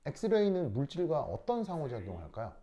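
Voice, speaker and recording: A man's voice: a little high, fast talker, dull audio. A man lecturing a classroom, quizzing and teasing his students as he explains. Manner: lively, teasing, asks students questions. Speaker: teacher.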